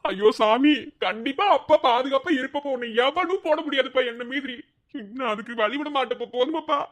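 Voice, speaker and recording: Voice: sits high, brisk, close to an everyday voice. A performer voicing a worried, flustered father in a cartoon, with a Madurai Tamil accent. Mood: soothing. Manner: flustered, exasperated, soothing. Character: worried father, fussing over his drunk son. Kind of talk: cartoon voice acting.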